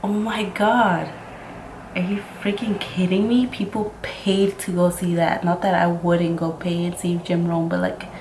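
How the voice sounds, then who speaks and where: Unhurried and a little mellow, this fairly low, level-toned woman's voice belongs to a native Mixtec speaker aged twenty-five who works as a court interpreter. She chats casually through a makeup tutorial, rambling and saying "like" and "freaking" a lot, in a roomy space with faint background noise.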